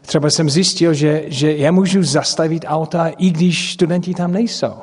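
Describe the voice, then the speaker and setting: A middle-aged man, a native English speaker speaking with an English-speaking accent, preaches through personal stories, haltingly searching for words and making grammatical slips. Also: a little high, fairly even intonation, a crowd in the background. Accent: English-speaking accent in Czech. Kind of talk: sermon with personal storytelling. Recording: long hall reverb.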